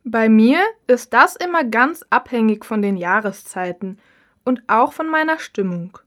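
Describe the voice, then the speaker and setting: Woman, slow and measured, fairly high voice, scripted interview answers. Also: lively intonation, a bit bright. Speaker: interviewee, cookbook author. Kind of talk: scripted listening-test dialogue.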